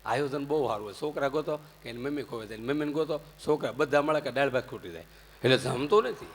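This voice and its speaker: A man with a Gujarati accent giving a humorous religious discourse, telling anecdotes and rising into loud punchlines. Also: medium pitch, quick pace, breathy edge. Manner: jokey, anecdotal, animated swings into loud punchlines. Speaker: religious storyteller. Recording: long hall reverb.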